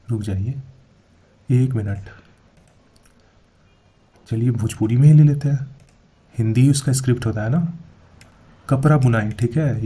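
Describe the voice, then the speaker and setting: A young man talks through a screen-share explainer. His voice is dark and husky, and his delivery is emphatic, with frequent checks that the listener follows. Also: mid-range voice. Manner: emphatic, repeats "thik hai" as he goes. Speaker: YouTube explainer.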